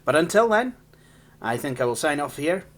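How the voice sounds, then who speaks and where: Chatty Scottish man demoing software. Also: on the high side, big pitch swings, normal speed. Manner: rambling, self-deprecating, laughs often. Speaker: tech channel host. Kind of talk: casual hands-on software walkthrough.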